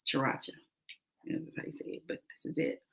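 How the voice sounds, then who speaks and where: A woman's voice: quick pace, heavy background noise. A woman vlogging casually, chatting with many fillers while she eats a snack. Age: adult, mother of a son. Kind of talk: casual eating and talking vlog.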